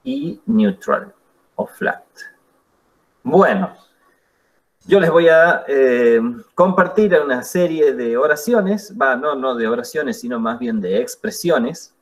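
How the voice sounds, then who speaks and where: Guy teaching english class, slow and patient, talks it through step by step. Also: mid-range voice, animated. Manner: slow, patient explaining with demonstrations. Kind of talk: classroom lesson.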